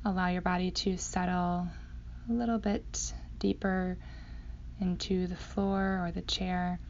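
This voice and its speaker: A woman guides a meditation in a slow, hypnotic manner. Her delivery is soothing and very even in pitch, with a creaky edge that turns breathy as phrases trail off. The recording is slightly dull. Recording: dull sound, faint background noise.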